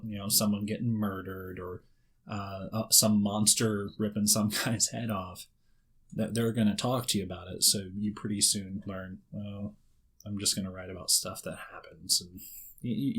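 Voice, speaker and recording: A man in his thirties with a lowish, husky voice talks casually as a guest. He rambles and often restarts his sentences. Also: fairly bright tone. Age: 30s. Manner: rambling, repeats words when starting sentences. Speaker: guest writer. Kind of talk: casual conversation.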